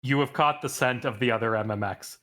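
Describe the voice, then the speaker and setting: Male game master, mid-pitched, casual and rambling with constant fillers. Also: brisk, pushed and bright. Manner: loose, filler-heavy narration with frequent "like" and "uh". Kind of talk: running a tabletop game session.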